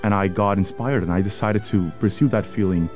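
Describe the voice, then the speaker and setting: A man's voice: fairly low pitch, brisk, a little mellow, faint music behind. A man from Puerto Rico, an opera singer, sincerely telling how he was inspired. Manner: sincere, reflective.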